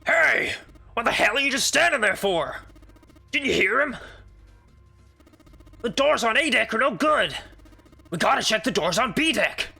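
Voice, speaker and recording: A woman playing a huge, bullying man, gruff and impatient, barking loudly in a visual novel game. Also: a little high, sing-song, a little slow, long pauses, soft background music, pitched above the performer's own voice, exaggerated voice. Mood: angry urgency. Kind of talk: voiced visual novel dialogue.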